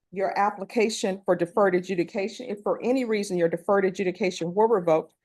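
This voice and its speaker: Courtroom recording: a woman judge with a mellow, dark voice and a brisk, formal delivery. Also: mid-range voice. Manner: brisk, formal, reads set questions. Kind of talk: formal plea admonishments.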